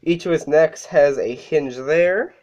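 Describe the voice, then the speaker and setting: A casual toy reviewer who sounds sick and a bit out of breath. The voice is mellow and relaxed, and the speaker stops to correct themselves along the way. The recording is dull and lo-fi. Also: medium pitch, takes it slowly. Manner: casual, with fillers and self-corrections.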